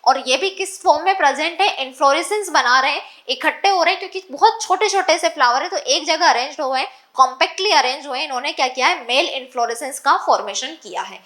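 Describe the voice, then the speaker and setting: A woman's voice: sits high, fast, hardly any pauses, sharp tone. A young woman giving an exam-focused biology lecture, asking herself questions and repeating key points. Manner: keeps asking rhetorical questions and answers them herself. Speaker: biology teacher.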